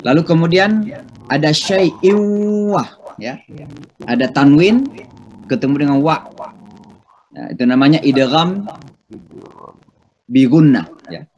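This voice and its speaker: A middle-aged man, an imam giving a slow, patient Quran recitation lesson that draws out the Arabic words. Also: fairly high pitch, lively intonation, a little mellow, dull audio, slight background noise. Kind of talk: Quran tafsir and tajwid lesson.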